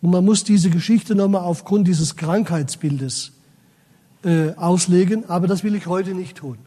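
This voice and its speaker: A man's voice: sits high, unhurried, mellow, in a large hall. A man preaching a sermon, speaking straight to his congregation and reading scripture aloud with dramatic weight. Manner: addresses the congregation directly, quotes scripture dramatically.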